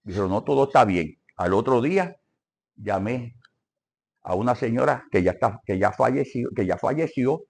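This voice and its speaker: A man's voice: mid-range voice, darkish tone. An older man teaching a church Bible lesson, asking the congregation questions and calling for amens.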